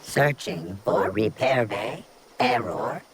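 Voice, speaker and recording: An actor voicing a calm, rule-bound malfunctioning robot mechanic in a game, with a flat synthetic machine voice and a monotone, formal way of reporting errors. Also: medium pitch, slow, a little hiss or hum. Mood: flat, officious. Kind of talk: game character dialogue.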